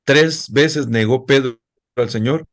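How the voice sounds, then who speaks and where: A man's voice: mid-range voice, slow pace. Give me a man preaching a sermon in a mid-range voice, talking directly to the people in front of him. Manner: conversational preaching, addressing the congregation directly. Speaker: pastor.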